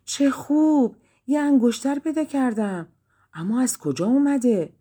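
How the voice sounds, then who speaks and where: A woman voicing an excited young princess in a storybook reading. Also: mid-range voice, natural voice. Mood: delighted.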